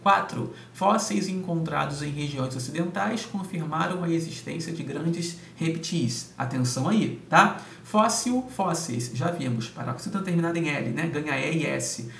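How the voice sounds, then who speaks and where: A man's voice: fairly high pitch, normal speed, creaky, few pauses, a bit bright. A man teaching grammar, going through exam answers step by step and often checking in with his students. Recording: echoey room, distant mic, faint hum.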